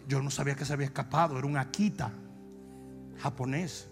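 A Dominican man preaching, telling comic stories and breaking into long shouted cries. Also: medium pitch, fairly even intonation, creaky, soft background music. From Dominican Republic. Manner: shifts from shouted, drawn-out preaching to fast, joking anecdotes. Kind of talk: comic sermon storytelling.

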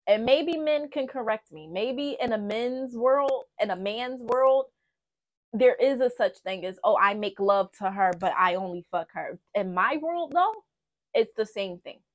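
A woman hosting a podcast, giving blunt, profane relationship advice in a casual, emphatic way, speaking. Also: fairly high pitch. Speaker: podcast host. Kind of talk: candid relationship talk.

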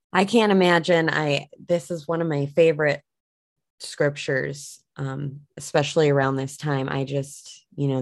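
A woman hosting a show, reading Bible passages aloud and adding earnest, halting reflections with frequent fillers. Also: low-pitched, no echo. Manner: earnest, halting with fillers when speaking off the cuff. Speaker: podcast host reading scripture.

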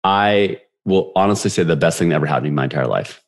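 Podcast guest, man in his 40s: very low, deep voice; brisk, animated storyteller. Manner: animated, quick storyteller who acts out quoted dialogue. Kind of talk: personal storytelling in a podcast interview.

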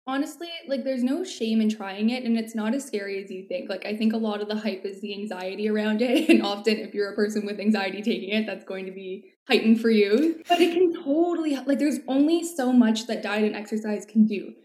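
A young woman rambling candidly as a guest in casual conversation. Her voice is at an ordinary middle pitch. It rings a bit in a roomy, echoey space. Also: brisk, hardly any pauses, mellow. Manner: candid, rambling, many fillers. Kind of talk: casual chat.

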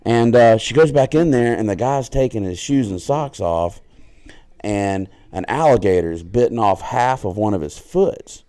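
A man's voice: lowish voice, animated, measured pace, warm tone, clear, resonant tone. A man with a Southern US accent co-hosting a casual podcast, swearing freely and telling a crude joke with rambling asides. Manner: crude, joking storyteller. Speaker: podcast co-host. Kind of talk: casual chat.

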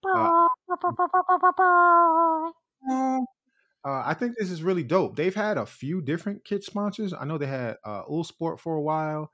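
Joking, slangy podcast host. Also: male voice, on the high side, big pitch swings, a little slow, long pauses, fairly bright tone. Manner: joking, laughs often, slangy. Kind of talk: casual chat.

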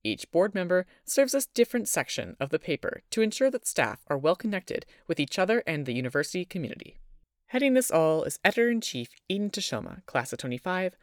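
Lively young man narrating a news podcast. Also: fairly high pitch, no room sound, clean studio sound. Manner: lively, announcer-like delivery. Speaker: podcast host.

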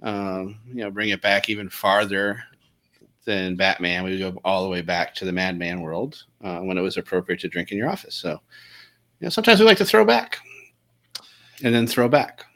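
A man's voice: deep voice, normal speed, fairly bright tone. A man co-hosting a casual live chat, tossing in dry, wisecracking remarks. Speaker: podcast co-host.

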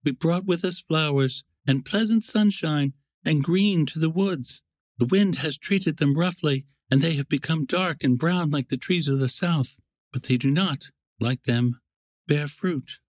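A man gives voice to a wistful, gentle female nature spirit in a storybook, sounding earnest, yearning, and poetic. His voice is a little high and measured in pace, and the recording is dry.

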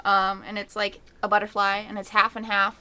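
A woman's voice: medium pitch, completely flat delivery, brisk, bright, forceful tone. A woman in her twenties co-hosting a podcast, chatting loosely and giggling often while eating lunch. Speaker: podcast co-host. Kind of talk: casual chat.

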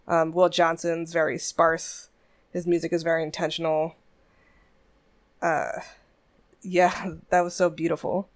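A woman's voice: sits low, level tone, unhurried, pauses often. A woman hosting a music podcast, chatting casually between songs with frequent laughs and asides. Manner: chatty, warm asides, laughs often, restarts.

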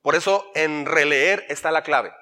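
A man with a Mexican accent, a pastor preaching an animated sermon that swings from loud to soft. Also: on the high side, unhurried.

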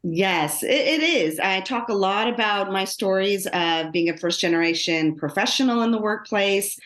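A middle-aged American woman from Los Angeles, a lawyer and author, guests on a podcast and tells her own story conversationally. Her mid-range voice is animated, a bit bright and at normal speed, and the recording sounds roomy and echoing.

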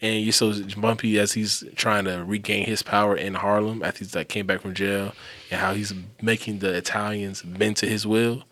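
A man chatting casually about TV shows as a podcast co-host, rambling and animated, swearing freely. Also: lowish voice, normal speed.

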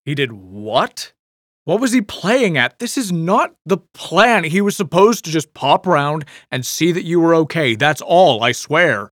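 A man's voice: mid-range voice, moderate pace, a bit bright, no echo, clean studio sound, close to an everyday voice. A man voicing a secretive, defensive middle-aged man, answering in short, evasive replies. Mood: guarded. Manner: terse, evasive.

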